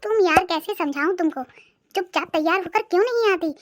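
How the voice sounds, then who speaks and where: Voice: very high voice, a little fast. A voice artist playing a henpecked older cartoon husband who teases his wife and complains about her. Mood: teasing. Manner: mocking, wheedling, complaining. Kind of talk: cartoon voice acting.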